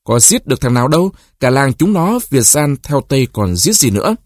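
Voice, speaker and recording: A man's voice: medium pitch, sing-song, fairly quick, dry recording, clean studio sound. A man voicing a blunt peasant woman nursing a baby in a read-aloud short story, cutting into the talk.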